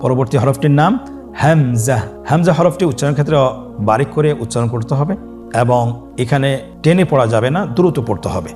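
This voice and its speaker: This Quran reading teacher has a medium-pitched, darkish voice with lively intonation, set against soft background music. Working step by step through a scripted lesson on Arabic letters, he stretches out each letter name in a sung way for listeners to say back.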